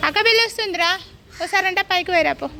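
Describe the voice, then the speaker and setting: A woman's voice: extremely high pitch, very fast, creaky, sharp tone. A woman with a Telangana accent watching over children outdoors, fussing and scolding them with affection. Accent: Telangana Telugu. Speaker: vlogger minding children. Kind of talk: casual outdoor vlog. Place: outdoors by a busy road. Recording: noisy street with traffic.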